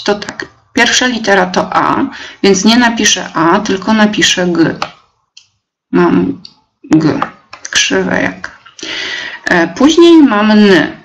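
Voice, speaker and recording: A young woman teacher leading a live webinar, explaining step by step with many fillers and pauses. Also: medium pitch. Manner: slow, hesitant, many fillers, reads out chat replies.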